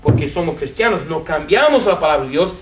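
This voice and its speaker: A man preaching a sermon to a congregation, animated, repeating words and asking them questions. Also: on the high side, fairly quick, reverberant, noisy background. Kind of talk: sermon teaching. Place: church with a congregation.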